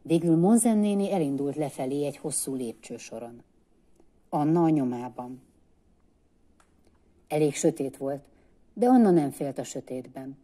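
Lady reading a kids' story out loud, low dark mellow voice, slow and expressive. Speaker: librarian reader. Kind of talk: storybook reading aloud for children.

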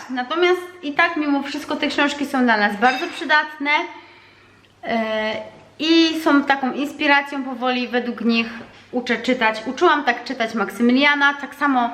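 A woman teaching her young son to read at home, explaining calmly and patiently with frequent hesitations. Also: sits high, moderate pace. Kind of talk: home reading lesson vlog. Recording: echoey room with faint noise.

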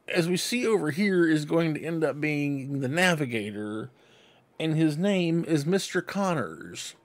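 Sitting at home in a cluttered room, a middle-aged man with a fairly high voice runs his fan book club vlog. A desk mic sits close in front as he offers loose, conversational show-and-tell remarks.

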